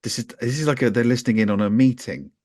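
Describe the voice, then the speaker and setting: A man's voice: medium pitch, fast, a little mellow. A man co-hosting a podcast in casual banter, rambling and restarting his sentences with chuckles. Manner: rambling, self-interrupting, chuckling. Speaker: podcast co-host.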